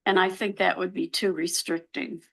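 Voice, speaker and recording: A woman resident giving public comment at a council meeting in council chambers, hesitant with many pauses and restarts. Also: lowish voice, fairly even intonation, vocal fry, rough recording.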